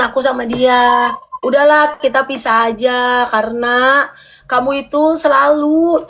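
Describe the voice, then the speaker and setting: A high-pitched woman argues live on stream, pressing the same point again and again. Her tone is insistent and unrelenting. A faint hiss sits under the voice. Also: fairly bright tone. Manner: insistent, repeats demands over and over. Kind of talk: heated live-stream argument.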